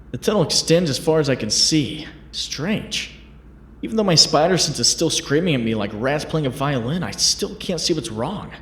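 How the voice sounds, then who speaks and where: A man voices a high-pitched yet husky, wisecracking Spider-Man in a comic dub, delivering narration and dialogue theatrically with jokes and exclamations. The character is a young superhero who is chatty, excitable and nervy.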